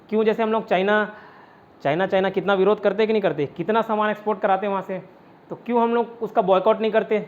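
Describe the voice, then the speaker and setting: High-voiced male tutor, lo-fi recording. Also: darkish tone. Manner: explains step by step, asks and answers own questions; often adds "ठीक है" to check understanding. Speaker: teacher. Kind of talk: online exam-prep lecture. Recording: dull lo-fi online class recording.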